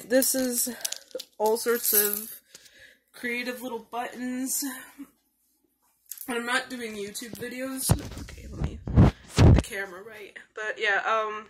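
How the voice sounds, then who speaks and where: A young adult woman in a casual, rambling vlog chat, speaking haltingly. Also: on the high side, background noise. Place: small room indoors. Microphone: phone or webcam at arm's length.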